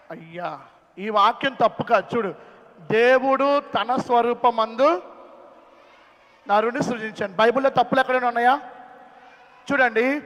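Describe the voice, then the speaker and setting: Very high-voiced man hosting a kids' skit. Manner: animated, calling out questions to children. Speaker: skit host at a children's camp. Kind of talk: playful skit with a young audience. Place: large hall at a children's camp. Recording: long hall reverb.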